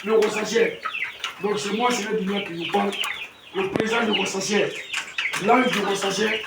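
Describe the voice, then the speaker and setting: A Malian poultry breeder in his fifties, speaking French with a Malian accent, proudly tours his farm for the camera, repeating himself and often restarting his words. His voice is high for a man, with fairly even intonation at a normal speed. He sounds distant and echoey, with clear farm noise and clucking behind him.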